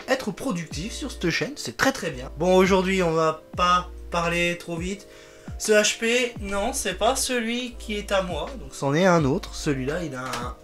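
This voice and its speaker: A man's voice: high-pitched, fairly bright tone. Male vlogger, casual tech teardown, chatty and self-correcting, faint music bed. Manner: rambling, self-correcting, fond of "donc". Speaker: tech video creator. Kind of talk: casual hands-on tech vlog.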